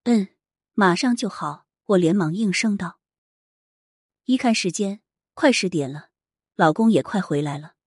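Husky-voiced woman narrating a story. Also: lowish voice, lively intonation, normal speed, pauses often, a little mellow, no echo, clean studio sound. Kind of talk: first-person story narration.

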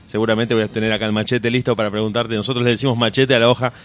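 A man's voice: on the low side, little pitch movement, very fast. A man hosting a radio show, speaking in long, flowing, friendly sentences as he wraps up an interview. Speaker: radio host.

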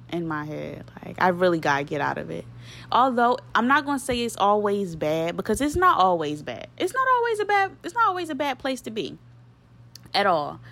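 A woman's voice: lowish voice, vocal fry, a little hiss or hum. A woman in her twenties hosting a solo podcast, venting candidly and emotionally in casual slang and often repeating her phrases. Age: 20s. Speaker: podcast host.

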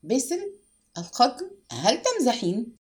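A woman reading aloud and voicing an excitable young wife who speaks high and agitated. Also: brisk, close to an everyday voice.

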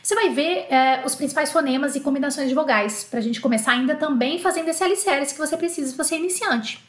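Teaching French online, this Brazilian woman speaks with a Brazilian Portuguese accent and a high-pitched voice in an echoey room. She explains things patiently and slowly spells out letters.

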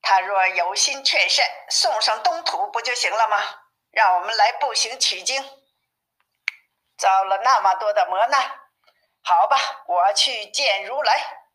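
A woman's voice: medium pitch, lively intonation, measured pace, a bit bright, poor audio. A woman voicing a brave, restless male monkey king in a storybook reading. He speaks in a bold, urgent way.

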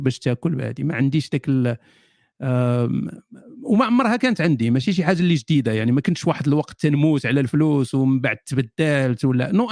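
A man's voice: medium pitch, darkish tone, no echo, studio quality. A man with a Moroccan accent hosting a casual live Q&A, answering viewer questions with jokes, sardonic asides and frequent laughter.

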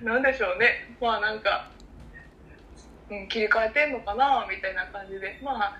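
A woman from Kyoto with a soft, soothing Kansai lilt, chatting politely and gently as a podcast co-host. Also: fairly high pitch, moderate pace, highs cut off. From Kyoto, Japan. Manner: polite, elegant, conscientious. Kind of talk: casual podcast chat. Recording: faint background noise.

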